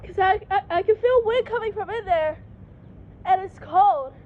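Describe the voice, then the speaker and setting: A woman's voice: very high-pitched, normal speed. A woman chatting casually outdoors as she vlogs her way around a place with companions. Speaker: vlogger exploring an abandoned school. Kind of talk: casual chat to camera and companions. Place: outdoors around an abandoned building. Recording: muffled handheld audio, outdoor background noise.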